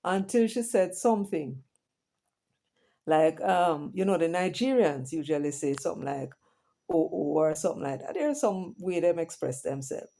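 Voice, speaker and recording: Speaking at a normal pace in a fairly low, mellow voice, this middle-aged Jamaican vlogger talks informally to her audience. Her monologue mixes patois with English and wanders into friendly side comments.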